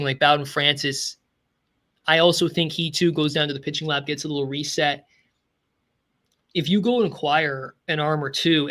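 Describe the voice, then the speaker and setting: A man's voice: a little high, fairly bright tone. A man with a Canadian accent co-hosting a podcast, chatting casually about baseball with lots of filler words. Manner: chatty, full of "like" and "right?" fillers. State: throat-clearing, losing his voice. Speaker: podcast co-host. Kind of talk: casual sports chat.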